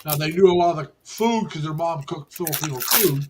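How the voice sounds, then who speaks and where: High-voiced rambling man in his sixties. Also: fairly quick, noisy background. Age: 60s. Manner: rambling, repeats and restarts phrases. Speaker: co-host. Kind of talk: casual livestream chat.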